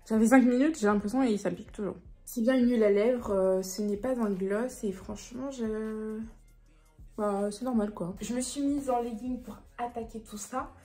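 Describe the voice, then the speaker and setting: A woman, chatting casually to camera in a vlog, talking quickly with many fillers. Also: a little high, fairly even intonation, dark tone, faint music behind. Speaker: vlogger.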